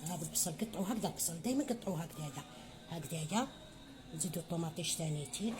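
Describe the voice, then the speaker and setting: Her voice sits on the low side, animated and rapid-fire, as this middle-aged woman with an Algerian Arabic accent demonstrates home cooking. She's chatty and maternal, addressing viewers as her children and adding blessings along the way.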